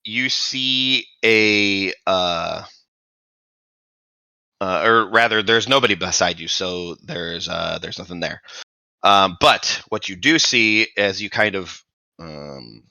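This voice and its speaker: A man narrating a tabletop role-playing game as game master, halting, with many fillers and restarts. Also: low-pitched, creaky, pushed and bright, smooth, no room sound.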